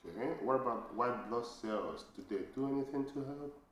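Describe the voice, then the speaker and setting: A man's voice: medium pitch, normal speed. A man as a teacher giving an oral speaking test, asking patient questions and giving short praise. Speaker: English teacher and examiner. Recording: very echoey room with faint noise.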